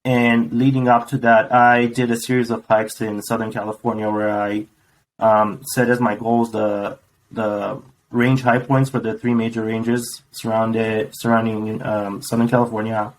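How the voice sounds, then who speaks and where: A man in his forties from Romania, a podcast guest answering thoughtfully, with many pauses and ums. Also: on the low side, flat delivery, rough recording. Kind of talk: casual interview.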